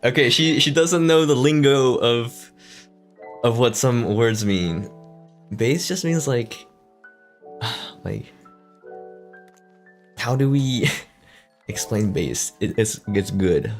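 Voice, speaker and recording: A man hosting a casual chat stream, easygoing and quick to laugh, often restarting his words. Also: mid-range voice, expressive, soft background music. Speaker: streamer host. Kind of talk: casual chat reading fan questions. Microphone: desk mic.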